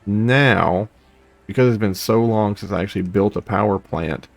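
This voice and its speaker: This gaming video host, a young man, chats and rambles at a normal speed while he plays, his lowish voice touched with vocal fry. He hums between thoughts in this casual let's play commentary, and the audio has no echo.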